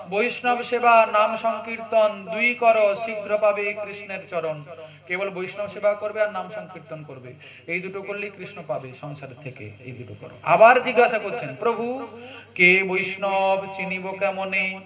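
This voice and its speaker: A man giving a devotional sermon, telling stories and singing verses between plain explanation. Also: high voice. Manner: storytelling, sings verses and chants. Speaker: preacher. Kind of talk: devotional discourse. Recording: crowd noise in the background.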